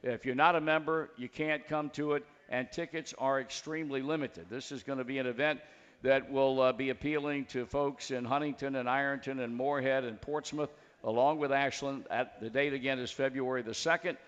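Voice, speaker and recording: A man's voice: medium pitch, fairly even intonation, a little fast, fairly bright tone, clean tone, big-room sound, dull audio. A man hosting a sports call-in radio show, talking in a folksy, wry way. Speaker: radio talk show host.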